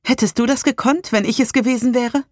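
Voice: mid-range voice, fairly even intonation, fairly quick, no echo, clean studio sound, pitched above the performer's own voice, close to an everyday voice. A reader raising the voice for an anxious, caring young woman. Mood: pleading. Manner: earnest, pleading. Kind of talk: audiobook character voice.

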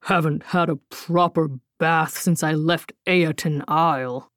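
A woman doing a weary, gruff giant. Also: low voice, fairly even intonation, takes it slowly, fairly bright tone, no echo, studio quality. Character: weary giant man, deep-voiced.

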